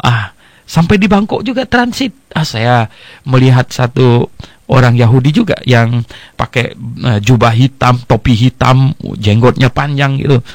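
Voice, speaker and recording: A man's voice: mid-range voice, measured pace, no room sound. An older man from Indonesia, a pastor teaching the Bible and telling stories, with frequent "ya" and "eh" fillers. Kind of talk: radio-style Bible teaching with anecdotes.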